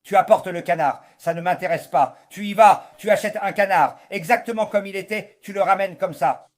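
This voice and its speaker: A man's voice: high-pitched, normal speed, natural voice. An actor playing a bossy man who accuses others of stealing his duck and gives orders. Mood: insistent. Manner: accusing, commanding, shouting orders.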